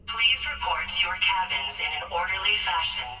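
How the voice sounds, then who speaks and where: Game ship announcer, formal and official, high voice over echoey intercom. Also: male voice, expressive, moderate pace. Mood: formal, urgent. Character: ship announcer giving calm emergency orders to passengers. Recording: echoing, distant intercom with music over it.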